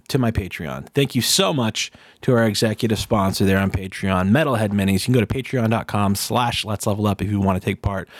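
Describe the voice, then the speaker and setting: Low-voiced man hosting a casual podcast. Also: dry recording, studio quality. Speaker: podcast host. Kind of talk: casual solo podcast chat.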